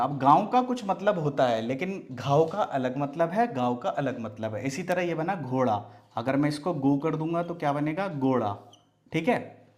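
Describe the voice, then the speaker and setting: A young man teaching Hindi letters, sounding out words slowly and answering his own questions. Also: fairly high pitch. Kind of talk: classroom-style lesson.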